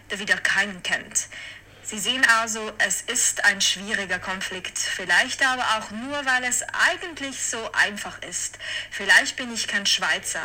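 A woman's voice: on the high side, pushed and bright, low-quality recording. A woman reading her own rhyming text aloud in a rhythmic recital. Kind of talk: poetry reading.

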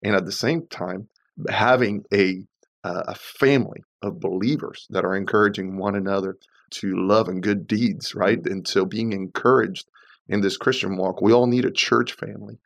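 A man on a church panel, telling a childhood story in a reflective way and filling his pauses with "uh". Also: fairly low pitch, fairly even intonation, gravelly. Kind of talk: conversational church podcast discussion.

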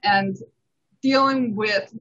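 A woman from Denmark, a tax accountant chatting in an interview and telling lively stories with frequent laughter. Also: mid-range voice, slow. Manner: animated storyteller, laughs often. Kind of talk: casual interview chat. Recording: dull lo-fi recording.

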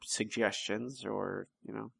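A man's voice: lowish voice, steady tone, takes it slowly, gravelly, husky. A man co-hosting a podcast in a casual chat, hesitant, full of fillers and trailing off mid-thought. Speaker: podcast co-host.

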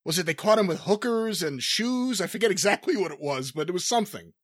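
Male interviewer, high lively voice with some rasp, informal and attentive. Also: fast, no echo, studio quality. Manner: informal, attentive follow-up questioning. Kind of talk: casual interview chat.

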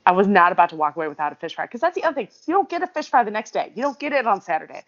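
A woman's voice: mid-range voice, very animated, rapid-fire, fairly bright tone, dull audio. A woman co-hosting a casual chat, telling long rambling stories and laughing often.

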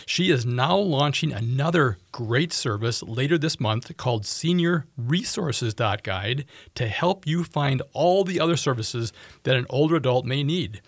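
A man's voice: a little high, a bit bright, no echo. A man hosting a radio show, reading announcements and sponsor copy.

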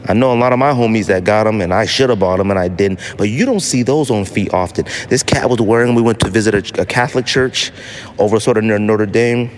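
Talking fast in a low voice, an American podcast host carries his casual solo show with slangy, emphatic speech and repeated phrases for effect. A little hiss or hum runs through the audio.

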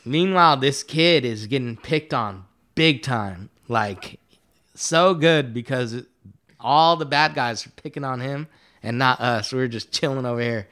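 Talking a little slowly, a guest artist wanders through a long story on a casual podcast, his pitch ordinary and middling. He sounds laid-back, curses often, and fills gaps with lots of fillers.

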